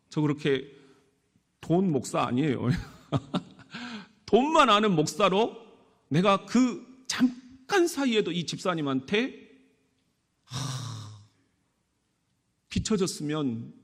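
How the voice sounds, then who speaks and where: A man preaching a sermon as pastor of a church, speaking in an animated way and often asking his congregation questions. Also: fairly high pitch, slow, long pauses, husky. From Korea. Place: church sanctuary. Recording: echoey church hall.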